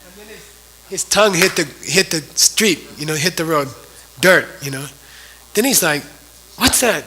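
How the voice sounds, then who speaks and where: A man's voice: a little high, normal speed, bright, forceful tone, breathy edge, low-quality recording. A man teaching a class, telling a story in a loose, chatty way full of "you know". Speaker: Buddhist teacher.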